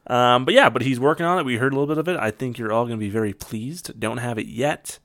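A young man in his twenties hosting a casual podcast. He is jokey and laughs often, and he trails off with ums. His pitch sits in the middle for a man. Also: quick pace, a bit bright. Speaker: podcast host. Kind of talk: casual chat.

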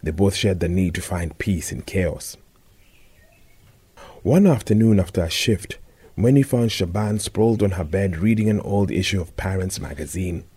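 Deep, husky male storyteller. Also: normal speed, warm tone. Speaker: narrator. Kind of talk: scripted narration.

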